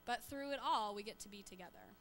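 A woman leading a children's sermon in a church, coaxing the children along with lively questions. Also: medium pitch, a little fast, soft background music. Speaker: church children's message leader. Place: church sanctuary.

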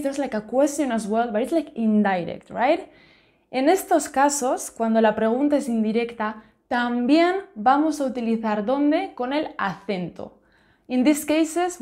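A woman's voice: sits high, mellow. A woman with a Spanish accent teaching a language lesson, explaining carefully and switching between two languages. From Spain.

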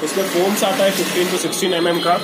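A man's voice: high-pitched, level tone, quick pace. A man, a workshop owner, explaining his process step by step and mixing in English words. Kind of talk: casual explanation. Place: car seat cover workshop, indoors. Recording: loud workshop noise.

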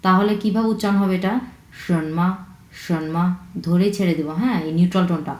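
A woman from China teaching a language lesson, patiently repeating words slowly to drill pronunciation. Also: mid-range voice. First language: Chinese. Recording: echoey room.

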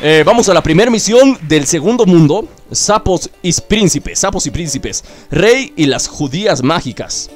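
A young man, chatting excitedly as he plays through a video game and cheers himself on. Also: a little high, unhurried. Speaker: gaming YouTuber. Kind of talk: let's play commentary. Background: game music.

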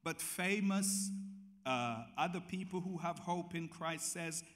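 A man's voice: a little high, slow pace, a bit bright. A man preacher giving a funeral sermon, rhetorical and building lists through repetition.

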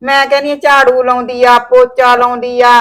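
A woman's voice: fairly high pitch, level tone, moderate pace, fairly bright tone, close to an everyday voice. An actress playing a caring older mother who visits her married daughter, talking in a homely, advising way full of sayings, with a Punjabi accent. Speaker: actor. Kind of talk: village short-film acting.

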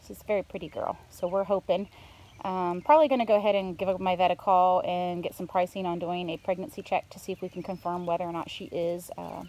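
Talking briskly with fairly even intonation, a middle-aged homesteader narrates her farm tour in a fairly low, slightly mellow voice. She rambles casually and unscripted from behind a handheld phone while showing the coops and pens. Farm ambience and animal noises make the recording noisy.

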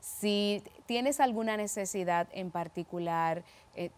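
Woman hosting a faith TV interview. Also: mid-range voice. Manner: measured, gentle, addresses viewers directly. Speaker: TV show host.

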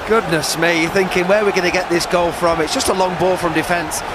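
Bloke co-commentating on football, highish voice, cheering his side on, loud noisy stadium. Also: steady tone, fast. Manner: exclamatory, partisan. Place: open-air football stadium stand.

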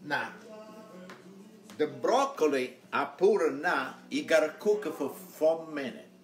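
A man's voice: on the high side, a little slow. Chatty older Italian-accented man cooking. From Italy. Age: 80s. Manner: chatty, broken English, animated gestures. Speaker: home cook host. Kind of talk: live cooking demonstration. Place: home kitchen, indoors. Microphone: handheld phone camera. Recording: echoey kitchen with faint music.

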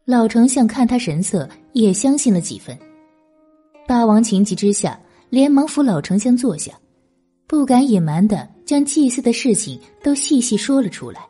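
An audiobook narrator, a woman, reads a novel dramatically and with great animation. Her slightly high voice is husky and dark in tone, moving expressively at a moderate pace, over faint music.

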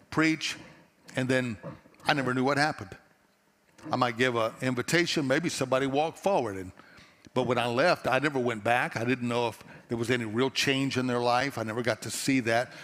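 A man's voice: mid-range voice, fairly bright tone. Middle-aged man, Texan accent, pastor's sermon, earnest storytelling, headset mic, long church-hall reverb. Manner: conversational storytelling, earnest, with repeated restarts. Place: large church stage before a seated audience.

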